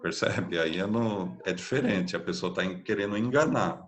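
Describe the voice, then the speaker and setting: A man's voice: lowish voice, moderate pace. A man with a Brazilian Portuguese accent teaching an online spiritist course, explaining patiently and often checking in with tag questions. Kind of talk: online class lecture.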